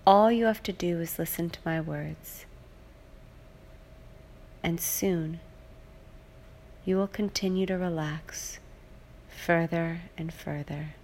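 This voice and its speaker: A woman reading a guided hypnosis relaxation script in a slow, soothing, repetitive way, now and then dropping into soft whispers. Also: lowish voice, slight background noise.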